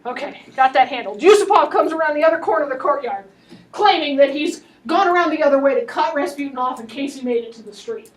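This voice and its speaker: Woman history lecturer, high voice, wry storytelling, distant classroom mic. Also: fast. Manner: lively, wry, laughing asides.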